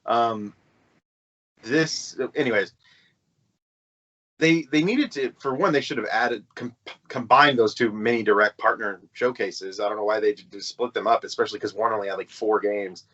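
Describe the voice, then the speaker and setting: A man's voice: lowish voice, moderate pace, bright, forceful tone. A man co-hosting a gaming podcast, chatting casually and rambling with plenty of fillers and restarts. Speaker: podcast co-host. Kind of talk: casual chat. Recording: dull lo-fi podcast audio.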